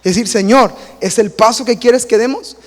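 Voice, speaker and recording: High-pitched pastor preaching in a hall. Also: male voice, moderate pace. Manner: animated, acts out quoted voices and stories. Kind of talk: sermon. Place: church hall.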